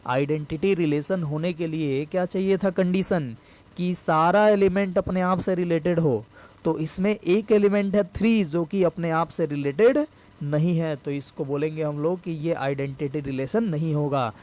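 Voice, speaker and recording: Male maths teacher, high voice, patient step-by-step explainer who repeats key terms. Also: darkish tone. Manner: explains step by step, repeats key phrases slowly, asks and answers own questions. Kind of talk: classroom maths lesson.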